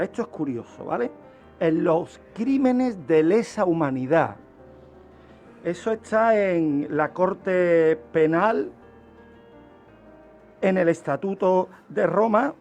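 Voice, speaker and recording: A criminologist from Spain, speaking with a Spanish accent, appears as a guest expert on a radio show, explaining things by posing questions and answering them himself. His voice is high-pitched with a darkish tone, and the recording's highs are cut off.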